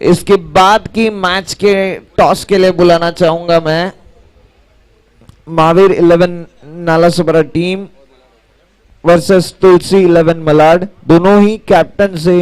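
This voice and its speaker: A man with an Indian accent making slow, formal announcements at a cricket tournament, calling teams up for the toss. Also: a little high, fairly even intonation, a little mellow, smooth, rough recording. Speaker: match announcer. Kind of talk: stage announcements.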